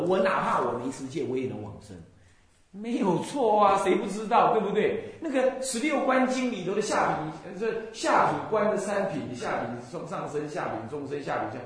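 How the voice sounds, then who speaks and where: A male Buddhist monk and temple abbot giving a dharma talk. He speaks in an animated, scolding way and mimics the people he criticizes. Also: a little high. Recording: very echoey room.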